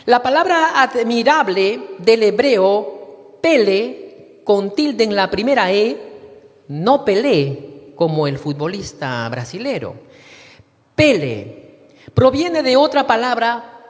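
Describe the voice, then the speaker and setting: Male preacher, unhurried sermon delivery with lively intonation, recorded in an echoing hall. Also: very high-pitched. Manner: addresses the congregation as brothers, reads scripture aloud. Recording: long reverb of a hall.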